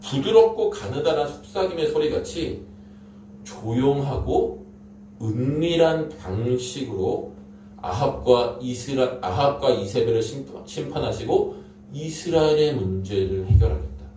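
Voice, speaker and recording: A man's voice: mid-range voice, lively intonation, normal speed, warm tone. A man preaching a sermon, telling the story dramatically and emphatically with repeated phrases. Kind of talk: Korean sermon. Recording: echoey room, distant mic, faint noise.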